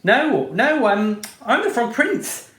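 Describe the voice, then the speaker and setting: A man reading a storybook aloud, voicing a whiny, flustered young frog prince who talks high and breathlessly. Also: big pitch swings, slow, fairly bright tone, reverberant, exaggerated voice.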